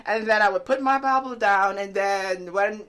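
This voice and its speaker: A woman guest author telling her story in a casual interview, earnest and animated, with many fillers like "like" and "you know". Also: medium pitch, normal speed. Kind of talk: conversational interview testimony.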